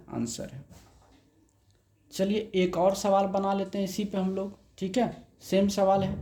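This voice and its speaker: A man's voice: high voice, mellow. A man teaching an exam-prep maths lesson, repeating each word as he writes it out and asking the class short check questions. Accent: Hindi. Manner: slow, repeats words while writing on a board; asks students rhetorical check questions.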